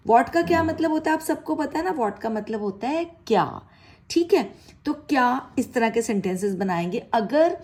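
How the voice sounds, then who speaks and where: A woman's voice: a little high, animated, moderate pace, darkish tone. A woman teaching spoken English, encouraging her learners and repeating example sentences with a questioning tone.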